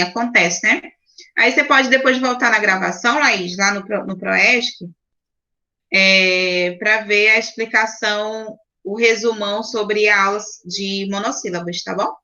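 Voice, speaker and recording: A woman's voice: mid-range voice, unhurried, pushed and bright, lo-fi sound. A woman teacher with a Brazilian Portuguese accent, patiently explaining grammar to children on a video call and checking in often. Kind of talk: online class teaching.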